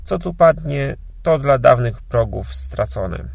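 A man voicing a gruff but kind older emigrant gentleman in a storybook, talking brusquely and grumbling. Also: medium pitch, animated, takes it slowly, no echo, heavily acted. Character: gruff, kindly old Polish emigrant gentleman.

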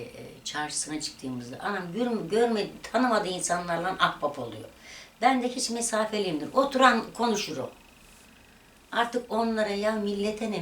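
Woman vlogger, lower register, lively storytelling, echoey room with faint noise. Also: recorded from a distance. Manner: animated retelling of a quarrel, voices rising and dropping. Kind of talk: casual storytelling.

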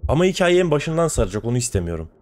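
A man's voice: medium pitch, big pitch swings, racing, a little mellow. A man giving let's play commentary as he plays, talking to himself and swearing often in exasperation. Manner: talks to himself while playing. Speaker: gaming channel host.

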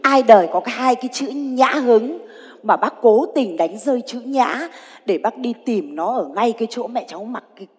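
A woman's voice: on the high side, expressive, normal speed, a little mellow, husky. A cheeky young daughter. Her raised voice swings up and down as she mocks. Everything rings with a long stage reverb. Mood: mocking. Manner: cheeky, mocking. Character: cheeky grown daughter, mocking the suitor.

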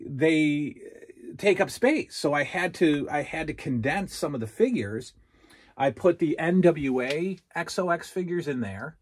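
A man's voice: medium pitch, breathy edge, no echo, studio quality. A man in his thirties, giving a casual rambling room tour while walking around and filming with a handheld phone in a small basement room. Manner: rambling, self-questioning. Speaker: collector vlogger. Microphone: phone held at arm's length.

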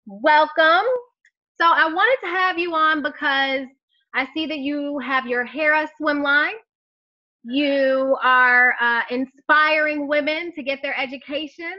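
A woman's voice: high voice, slow pace, lo-fi sound. A woman hosting a live online interview, bubbly and encouraging, over a video call from home. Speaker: host. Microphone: webcam on a video call.

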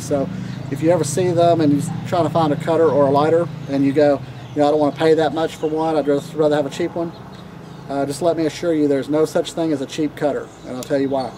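A man with a Southern accent chatting casually to camera about cigars, relaxed and rambling with lots of fillers, recorded outdoors on a deck. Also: on the high side, slight background noise. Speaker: cigar vlogger.

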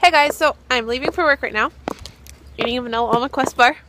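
A young woman chatting casually to her camera in a beauty vlog, upbeat with quick asides. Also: sits high, background noise. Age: young adult. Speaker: beauty vlogger.

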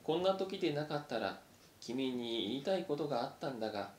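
A man reading aloud, voicing a brave young male mouse who speaks haltingly, choked with emotion, in a roomy recording. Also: mid-range voice, expressive, slight background noise, close to an everyday voice. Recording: roomy echo.

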